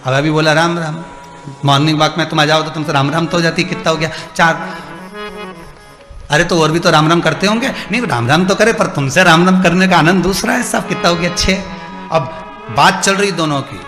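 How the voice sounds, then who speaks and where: A man's voice: on the high side, brisk. A man preaching a devotional sermon, telling a story with dramatic emphasis and acting out the characters' dialogue. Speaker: religious storyteller. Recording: echoey hall with faint music.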